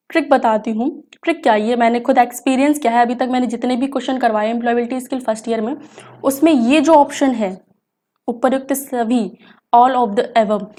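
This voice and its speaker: A woman teacher running an exam revision class. She reads each question slowly in English, then explains it quickly in Hindi, asking the class questions and answering them herself. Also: fairly high pitch.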